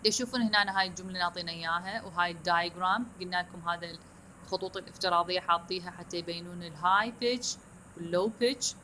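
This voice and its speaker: Woman, English teacher, bright voice, faint background noise. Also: lowish voice, steady tone, poor audio. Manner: switches between Arabic and English, reads English lines slowly and deliberately. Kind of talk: recorded lecture on intonation.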